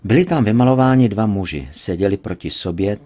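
A man's voice: on the low side, expressive, dark tone. Man reading a story aloud. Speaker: reader. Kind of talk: scripted narration of a serialized story.

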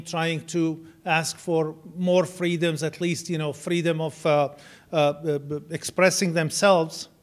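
High-voiced man. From Syria. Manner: earnest, measured with frequent "you know" fillers. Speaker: guest lecturer. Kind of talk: university lecture. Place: lecture room, indoors. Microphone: lectern microphone.

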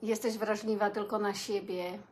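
A woman's voice: mid-range voice, flat delivery, normal speed, slight background noise. Chatty woman reading viewer comments. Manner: chatty, addresses viewers warmly as "kochani", reacts with laughter and sighs. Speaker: live stream host reading viewer comments. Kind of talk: casual live chat.

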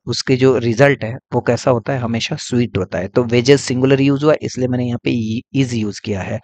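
A man's voice: medium pitch, darkish tone. Man patiently explaining grammar. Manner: explains patiently, repeats points, checks in with frequent 'theek hai'. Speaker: English grammar teacher. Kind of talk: classroom-style grammar lesson.

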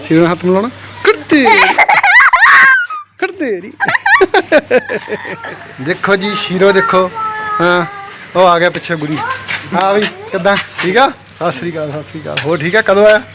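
A man's voice: high-pitched, fairly even intonation, fast talker, very noisy. A man with a Punjabi accent filming a casual family vlog, playfully calling out to his kids and pets. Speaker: family vlogger, father.

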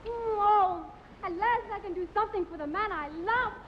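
Casting: swooning, gushing girlfriend, hammy and very high-pitched, muffled vintage TV sound. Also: normal speed. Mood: adoring. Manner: gushing, hammy stage delivery. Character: gushing, adoring, melodramatically devoted sweetheart. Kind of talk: live television sketch comedy. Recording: muffled, noisy 1950s TV kinescope.

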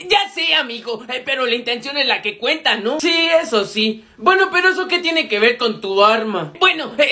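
A young man with a Mexican accent acting out school comedy skits in an exaggerated, animated way, with an artificially high-pitched voice. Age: young adult. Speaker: comedy skit creator playing all characters. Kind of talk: acted school comedy skit storytime.

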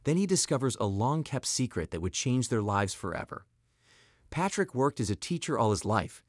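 Guy narrating a story, lively up and down voice, dry close mic. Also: mid-range voice, no room sound.

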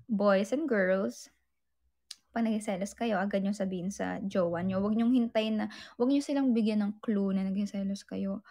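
A woman's voice: medium pitch, dark tone. A young woman in casual chat, candidly sharing relationship advice with her viewers and switching freely between Tagalog and English. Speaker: vlogger answering viewer questions.

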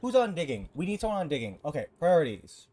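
A man's voice: on the high side, big pitch swings, fast talker, warm tone. A man giving casual gameplay commentary, talking to himself and scolding his in-game characters, frantic and exasperated, now and then swearing. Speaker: gaming streamer.

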